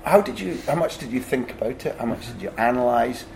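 A man's voice: mid-range voice, lively intonation, quick pace, vocal fry, darkish tone, slight background noise. A man hosting a conversational interview, putting long, winding, reflective questions to his guest. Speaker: interviewer, podcast host.

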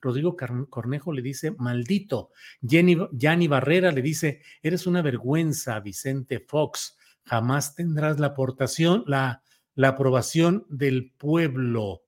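A man's voice: mid-range voice, unhurried, darkish tone. A man giving solo political commentary, picking apart a text with sardonic corrections. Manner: sardonic, corrects spelling point by point.

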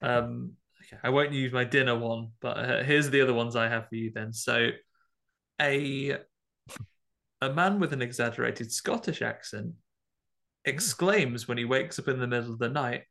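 A man's voice: medium pitch, moderate pace, vocal fry, sharp tone. A man, co-hosting a podcast and setting word puzzles in casual chat, hesitant with many ums and chuckles. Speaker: podcast co-host.

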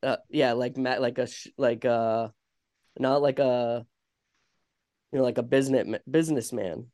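A man's voice: mid-range voice, fairly even intonation, mellow, no room sound, clean studio sound. A man with a Vermont accent reading aloud casually, stumbling and correcting himself as he goes. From Vermont, United States. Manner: halting, stumbling and self-correcting. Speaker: podcast host reading a story aloud.

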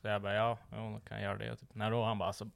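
A man's voice: on the low side, little pitch movement, vocal fry, clear, resonant tone, no echo. A man telling a work story in casual chat, swearing freely and acting out what people said. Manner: swears a lot, acts out quoted dialogue.

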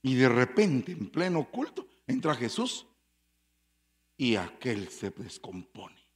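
A man preaching a sermon as pastor, telling stories dramatically with sudden loud bursts and quiet asides. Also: medium pitch, huge pitch swings, slow.

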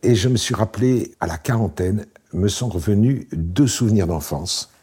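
A man's voice: on the low side, moderate pace, breathy edge. A man in his late sixties, an interview guest telling wry, rambling anecdotes in casual conversation. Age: 60s. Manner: relaxed, wry, anecdotal with frequent fillers.

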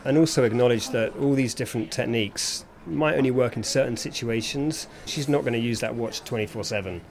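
A man speaking as a speech therapist in an even middle pitch. He lays out each technique step by step in a measured, explanatory way. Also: slight background noise. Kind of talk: conversational explanation.

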